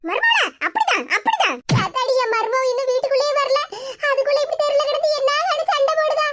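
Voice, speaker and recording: A woman's voice: extremely high pitch, expressive. A woman doing a cackling bossy old mother-in-law. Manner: cackling, gloating, drawn-out 'ah' fillers. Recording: loud hiss and clicks.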